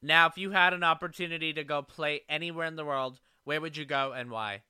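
A man's voice: on the high side, fairly even intonation, brisk, bright, forceful tone, smooth, no room sound, clean studio sound. A man hosting a radio show, asking guests polite, scripted questions. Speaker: radio host.

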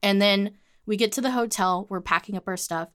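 A woman co-hosting a podcast, telling a story in a casual, animated way, full of swearing and "like" fillers. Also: mid-range voice, a little fast, smooth. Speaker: podcast co-host.

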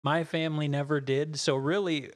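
A man's voice: fairly high pitch, fairly even intonation, moderate pace. A man from Minnesota with a Minnesota accent, hosting a casual interview in an easygoing way and laughing often. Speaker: podcast host.

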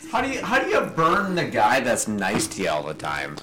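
A man's voice: mid-range voice, huge pitch swings, moderate pace, a crowd in the background. A man in a group conversation cutting in with dry wisecracks and teasing remarks. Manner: wisecracking interjections. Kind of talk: casual group banter.

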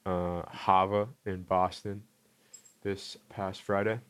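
Low-voiced young-sounding man bantering on a podcast. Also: little pitch movement, slow, fairly bright tone, clear, resonant tone. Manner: slangy, joking. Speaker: podcast co-host. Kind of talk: casual chat, anecdotes.

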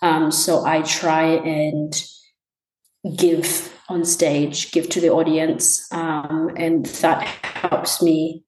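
A woman's voice: low-pitched, little pitch movement, drawn-out words. Young woman musician, echoey room. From Tanzania. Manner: soft-spoken, many ums and restarts. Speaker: musician guest. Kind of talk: casual interview answers.

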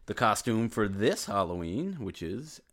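A man's voice: lowish voice, very animated, measured pace, a bit bright. A middle-aged man hosting a podcast, chatting casually and teasing his child in a rambling, fatherly way. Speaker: podcast host.

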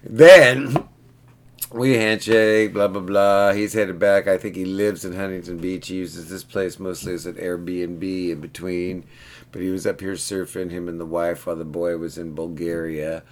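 Casual male vlogger, very low pitch, rambling storyteller, pinball repair guy. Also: level tone, measured pace. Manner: rambling, chatty, keeps asking "right?".

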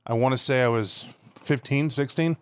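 A man's voice: mid-range voice, moderate pace, clean tone, no echo, studio quality. A man co-hosting a podcast in casual chat, emphatic and given to repeating phrases for weight. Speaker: podcast co-host.

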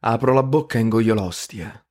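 A man voicing a calm, dry-witted older schoolboy. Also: medium pitch, normal speed, close to an everyday voice. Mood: serene. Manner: unruffled, dry wit. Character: calm, easygoing older male student leader.

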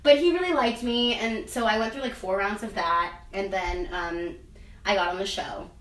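Her mid-range voice has a fairly bright tone and a normal pace as this young adult singer and actress chats loosely in an interview. She wanders from point to point, heavy on "like" and "um," recorded from a distance in an echoey room with faint ambience.

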